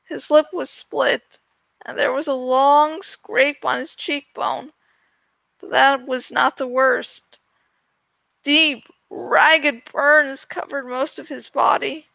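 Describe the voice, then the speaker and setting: A woman with a high, gravelly voice reads a storybook aloud dramatically, her tone steady and her pace slow, the sound pushed and bright with no echo. An amateur audiobook reader, she stumbles now and then and makes fun of her own slips in self-mocking asides.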